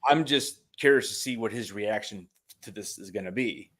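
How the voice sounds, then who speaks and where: A man's voice: lowish voice, moderate pace, a crowd in the background. A man hosting a live TV review, thinking aloud tentatively in casual chat.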